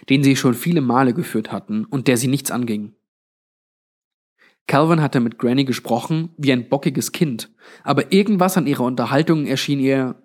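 A man reading a suspense story aloud in a measured storytelling manner. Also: medium pitch. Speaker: audiobook narrator. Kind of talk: scripted narration.

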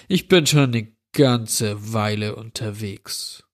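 A man's voice: on the low side, slow pace. A man doing a drawling sinister stranger. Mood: mocking. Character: menacing drawling male intruder who grants wishes.

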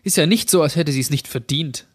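A man's voice: brisk, natural voice. A man voicing a mischievous, defiant teenage girl in a told story, in a raised, girlish voice. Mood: defiant, flippant. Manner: higher, girlish put-on voice. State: crying.

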